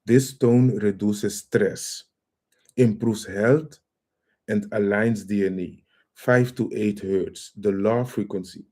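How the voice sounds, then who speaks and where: A man hosting a casual livestream lecture, reading out viewer comments and calling his listeners fam, with a halting delivery full of trailing phrases. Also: lowish voice, dark tone. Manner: reads out viewer comments and greets the chat; calls listeners fam and family. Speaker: livestream host.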